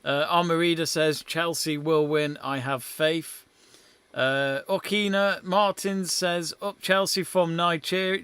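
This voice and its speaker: A young man hosts a live football watch-along, mixing casual chat with play-by-play and reading out viewer messages. His voice sits a touch higher than most men's, smooth and clear, and the sound is close and dry. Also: fairly bright tone, dry recording. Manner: chatty, reads out viewer messages between play-by-play.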